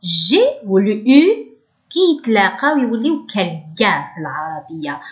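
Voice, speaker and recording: A woman teaching young children a French phonics lesson, drawing out sounds slowly. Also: mid-range voice, very animated, dull audio. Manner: slow, drawn-out pronunciation drills. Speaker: primary school teacher.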